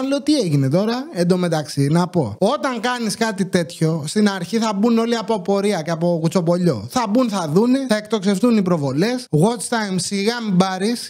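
A young man with a fairly high voice tells his story in a loose, chatty monologue. He talks a lot and mocks himself, slipping into his own past lines as quotes. It is casual storytelling, not a scripted read. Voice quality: talkative, animated storyteller. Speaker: YouTuber, channel host. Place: indoor room with his wife nearby.

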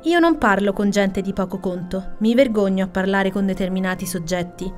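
A woman's voice: medium pitch, normal speed, faint music behind, close to an everyday voice. A woman voicing a proud, touchy old male hedgehog who answers in a huffy, indignant way in a bedtime story.

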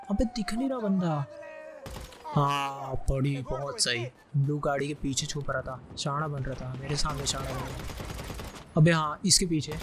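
A man giving live gameplay commentary, excitedly shouting quick callouts. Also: mid-range voice, background noise. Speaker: gaming YouTuber.

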